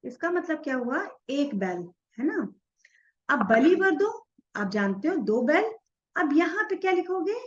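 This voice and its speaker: A woman's voice: high voice, big pitch swings, lo-fi sound. A woman teaching a class, asking questions and answering them herself as she spells words out letter by letter. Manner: spells out each letter slowly while writing. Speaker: Sanskrit teacher. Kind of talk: explaining a textbook lesson.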